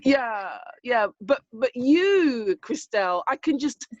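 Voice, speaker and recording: A woman with a high voice co-hosts a casual video call, effusive and chatty as she greets everyone. Her sound is dry and a little dull, like laptop call audio. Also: very animated, takes it slowly, no echo. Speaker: co-host.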